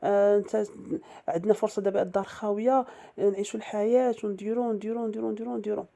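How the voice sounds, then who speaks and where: A woman's voice: mid-range voice, steady tone, rapid-fire, vocal fry, warm tone, natural voice. A woman with a Moroccan accent quoting a scheming young wife who coaxes and pleads in a repetitive way. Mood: coaxing.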